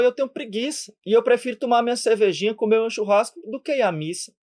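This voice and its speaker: Emphatic Brazilian priest preaching live. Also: male voice, high-pitched, darkish tone. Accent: Brazilian Portuguese. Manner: emphatic, full of rhetorical questions, speeds up and slows down for effect.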